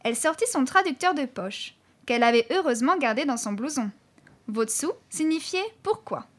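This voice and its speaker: A woman narrating a children's story in an expressive, clear reading voice. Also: high-pitched, moderate pace. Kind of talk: audiobook narration.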